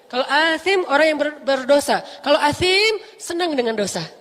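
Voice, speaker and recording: A Quran teacher giving a casual, lively study lesson, explaining Arabic terms with emphatic repetition and light jokes. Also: sits high, moderate pace. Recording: long reverb.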